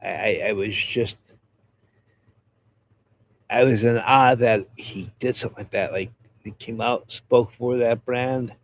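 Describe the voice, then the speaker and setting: A man's voice: mid-range voice, steady tone, unhurried, long pauses, a little hiss or hum. A man from Pennsylvania, a DJ hosting a casual livestream chat about gear, rambling and repeating words, stuffy from a head cold. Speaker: DJ and channel host; talking gear with viewers.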